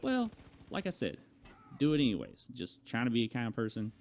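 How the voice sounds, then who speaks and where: A young adult man vlogs casually, his medium-pitched voice swinging hugely in pitch while he keeps a normal speed. He drifts through a personal story in a chatty way and acts out the lines of dialogue.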